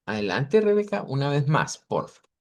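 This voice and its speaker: A man teaching an English pronunciation class over a video call, patiently repeating model words slowly for his students. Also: mid-range voice, sing-song. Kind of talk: online class correcting students.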